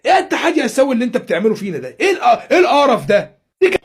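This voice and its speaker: A man's voice: extremely high pitch, very animated, rapid-fire, a little hiss or hum. A man with an Egyptian accent rants indignantly about a football tournament. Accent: Egyptian Arabic. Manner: indignant, outraged. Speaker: football fan commentator. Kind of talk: indignant fan rant.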